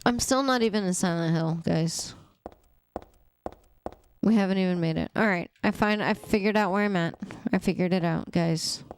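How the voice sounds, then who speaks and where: A woman's voice: lowish voice, moderate pace, pauses often, a little hiss or hum. A young adult woman streaming a game, rambling casually with wry asides to her viewers and to the character she is playing. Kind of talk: casual live gameplay commentary.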